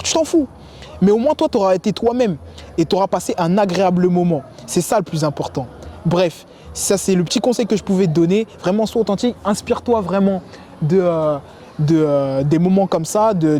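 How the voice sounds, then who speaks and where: Young male vlogger with a high, warm voice. Slangy, spontaneous, energetic delivery. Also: slight background noise. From United States. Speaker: dating advice vlogger. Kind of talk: casual advice to camera. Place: sports complex.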